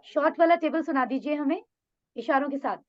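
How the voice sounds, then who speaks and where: A woman's voice: high-pitched, a little fast, dull audio. A woman teaching an online Arabic class, encouraging her students and mixing English phrases into her Urdu. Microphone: video call mic.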